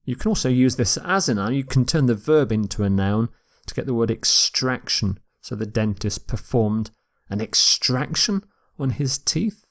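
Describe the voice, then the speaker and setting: A man teaching English vocabulary in a recorded lecture, repeating each word slowly and carefully for pronunciation. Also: mid-range voice, animated. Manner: slow, deliberate, repeats words for pronunciation.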